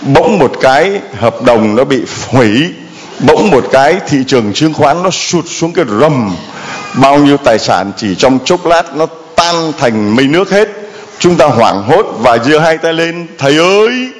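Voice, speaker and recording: Animated Vietnamese-speaking priest preaching. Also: male voice, a little high, unhurried. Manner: dramatic, animated storytelling with sound effects. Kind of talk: sermon.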